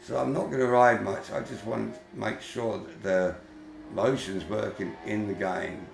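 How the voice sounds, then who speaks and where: A man's voice: fairly low pitch, fairly even intonation, measured pace, creaky, echoey room, soft background music. A man giving casual running commentary while gaming, chatty and grumbling, with mild swearing. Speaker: vlogger.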